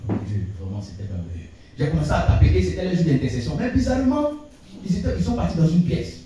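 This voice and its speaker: A man giving a church testimony, telling it in an animated way with many repetitions and stammers. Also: fairly high pitch, quick pace, noisy background. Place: church hall. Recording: echoey church hall mic from a distance.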